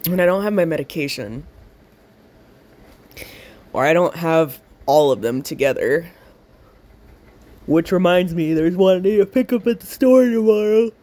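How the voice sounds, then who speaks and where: This casual audio diary comes from a woman with a lowish, dark voice who holds a handheld voice recorder to her lips. She wanders from thought to thought, cursing freely, slow and full of long pauses.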